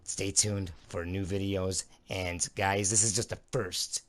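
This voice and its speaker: Deep-voiced enthusiastic man. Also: level tone, a little slow. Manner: enthusiastic, repeats "dude" and "guys". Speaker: channel host. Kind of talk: casual review chat.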